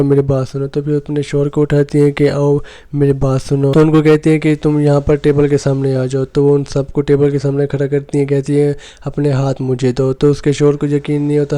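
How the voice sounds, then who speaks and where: A man retelling a film's story in a steady recap voice. His pitch sits fairly high but barely moves, and his tone is dark and mellow throughout. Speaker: movie recap narrator. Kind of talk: retelling a film plot.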